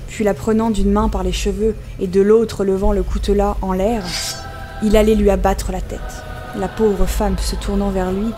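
A woman narrating a fairy tale in a measured, expressive reading. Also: medium pitch, slight background noise. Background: music.

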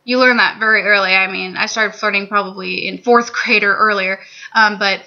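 With a medium-pitched, steady voice at normal speed, pushed and bright, a vlogger in her twenties opens up about her own story to camera. She's in a small room, picked up by a webcam or laptop mic at desk distance, and the audio is dull and lo-fi.

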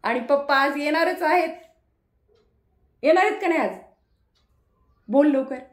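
A mother filming a casual home vlog, gently coaxing and prompting her child with short repeated questions. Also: high-pitched, measured pace. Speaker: mother and vlogger. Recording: echoey room.

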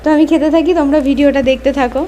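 Pregnant woman from West Bengal, high bright voice, chatty cooking narration, faint noise under it. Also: steady tone, racing. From West Bengal, India. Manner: chatty, explains as she cooks. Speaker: village vlogger. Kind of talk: casual cooking vlog chat.

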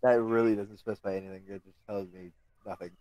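A man's voice: on the low side, steady tone, fast talker, mellow. A man playing a game on a stream with friends, chatting casually in an exasperated, confused way.

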